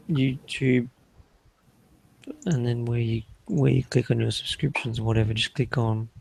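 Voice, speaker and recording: Gravelly man in casual chat. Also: mid-range voice, darkish tone, rough recording.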